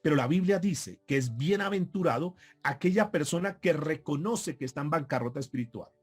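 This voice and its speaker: A man's voice: a little high, expressive, brisk, slightly rough, faint music behind. A man preaching a sermon as pastor, earnestly acting out repentant prayers that rise in intensity.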